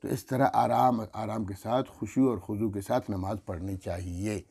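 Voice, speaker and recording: A male Quran teacher giving an earnest religious lesson, reciting prayer phrases slowly and deliberately as examples and correcting rushed recitation. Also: lowish voice, steady tone, gravelly, mellow, husky. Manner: earnest, instructive, corrects by demonstrating.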